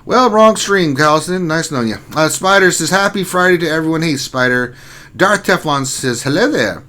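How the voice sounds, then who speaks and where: A man's voice: on the high side, lively intonation, moderate pace, bright, forceful tone. A man hosting a casual gaming livestream, reading viewer chat aloud and joking with his co-hosts. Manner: reads chat names aloud, joking and teasing. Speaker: livestream host.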